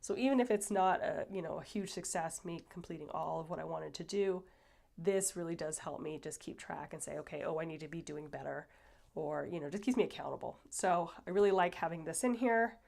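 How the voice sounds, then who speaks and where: Casting: woman vlogger, slightly low voice, stuffy and breathy, rambling casual chat. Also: brisk, a little mellow. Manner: chatty, rambling, lots of fillers. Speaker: planner channel host. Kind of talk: casual planner flip-through.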